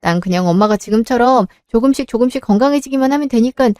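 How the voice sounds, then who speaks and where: A woman's voice: a little high, fast, dry recording, clean studio sound, lightly acted. A woman playing an emotional young wife. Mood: encouraging. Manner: bright, emotional, pleading. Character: young wife caring for her sick mother, tearful and grateful.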